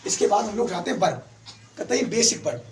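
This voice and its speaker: A man's voice: high-pitched, big pitch swings, a little fast, a little hiss or hum. A man teaching an English class, quizzing his pupils and calling them beta. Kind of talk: classroom lesson. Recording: echoey classroom from far off.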